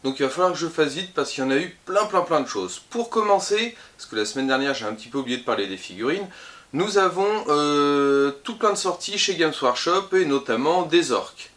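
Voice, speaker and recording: A man's voice: on the high side, animated, fairly quick, fairly bright tone. Chatty upbeat man presenting shop releases. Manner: chatty and upbeat, lots of hesitations and self-corrections. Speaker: game shop employee presenting new releases. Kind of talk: casual product roundup to camera. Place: board game shop.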